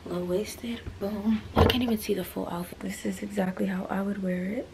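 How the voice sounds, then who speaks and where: The recording is very noisy. A twenty-year-old woman, a fashion vlogger, rambles casually through a try-on haul in a small bedroom, with a stand-mounted camera at mid-distance; she uses lots of fillers and asides. Her mid-range, gravelly voice has fairly even intonation at a moderate pace.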